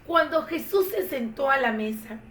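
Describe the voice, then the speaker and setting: A woman telling a Bible story to children in an expressive, animated way. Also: sits high, moderate pace, distant mic. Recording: echoey room, faint noise.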